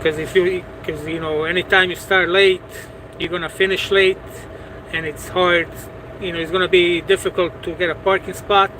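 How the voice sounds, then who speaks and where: A man talks loosely to his live chat from a parked truck, stacking "you know"s and doubling back on his words. His voice sits a little high for a man, and a clear hum of air conditioning and passing vehicles fills the cab behind him. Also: flat delivery, normal speed. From Bosnia. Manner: rambling, repeats words, many "you know"s. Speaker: truck driver and livestream host. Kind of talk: casual livestream chat answering viewers.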